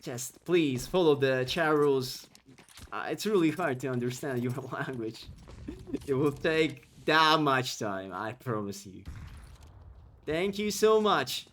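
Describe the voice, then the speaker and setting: Over faint background noise, an esports caster speaking English as a second language handles the match by himself. He fires off rapid calls that rise in pitch mid-action and drops chat asides to viewers between rounds.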